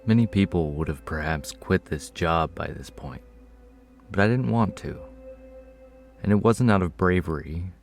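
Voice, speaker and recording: A man reading a first-person horror story in a measured, low-key way. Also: vocal fry, soft background music. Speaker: narrator. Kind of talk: scripted horror story narration.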